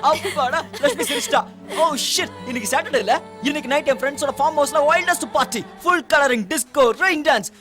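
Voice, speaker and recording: An actor dubbing a loud young man who teases his friends and scolds a reckless driver. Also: extremely high pitch, lively intonation, fast talker, music in the background. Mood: excited. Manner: scolding, teasing, pushy. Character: loud, bossy young male college friend. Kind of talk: dubbed film dialogue.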